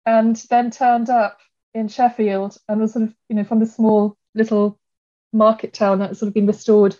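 Speaking at a moderate pace in a somewhat high, mellow voice with little pitch movement, a woman architect who grew up in Germany answers interview questions as a guest. She's thoughtful, restarting sentences often and filling pauses, and the sound is lo-fi.

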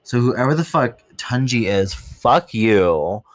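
A man co-hosting a podcast, chatting and gossiping in an expressive way and swearing freely. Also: mid-range voice, slow pace, no echo. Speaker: podcast co-host. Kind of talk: casual gossipy chat.

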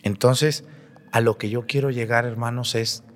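A man's voice: medium pitch, fairly even intonation, normal speed. A priest giving a homily at Mass. He tells the story and asks the congregation questions, with playful jokes. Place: church. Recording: long church reverb.

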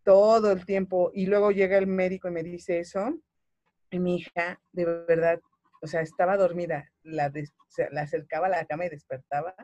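A Mexican woman in her thirties tells her own story as a mother, animated and emotional, slipping into the voices of the people she quotes. The sound is dry and close, with no room around it. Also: lowish voice, normal speed, no room sound, muffled recording. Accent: Mexican Spanish. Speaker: guest mother. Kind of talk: personal story in conversation.

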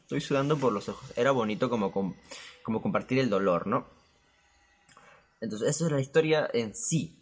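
A man's voice: medium pitch, normal speed, long pauses. A young man with a Peruvian Spanish accent, casually telling a personal story with crude slang. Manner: animated, crude slang, jumps into quoted voices. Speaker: storyteller host.

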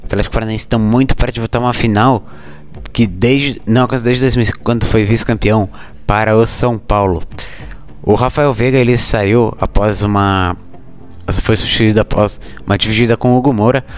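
A Brazilian man hosting casual football news, speaking haltingly with frequent mid-sentence pauses. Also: on the low side, fairly even intonation. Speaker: sports show host.

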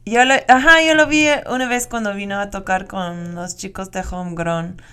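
A woman speaking Spanish with an American accent, hosting a casual radio interview in a relaxed, friendly way. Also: mid-range voice, moderate pace, clean tone. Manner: relaxed, friendly, uses Mexican slang. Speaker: radio show host.

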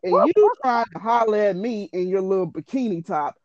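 A woman's voice: medium pitch, very animated, moderate pace, crowd noise. A woman animatedly retelling a story in casual, profane, exasperated chat. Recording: dull lo-fi dry audio.

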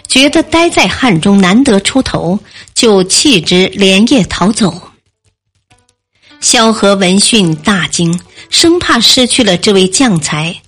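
A woman storyteller narrating a classical history tale in a slow, deliberate scripted reading. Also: mid-range voice, fairly bright tone, breathy edge.

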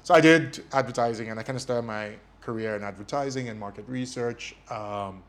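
Slight background noise accompanies a casual interview in which a media company CEO from Nigeria, whose first language is Ijesha, shares his story. His medium-pitched voice runs fairly quickly, peppered with ums and a self-deprecating tone.

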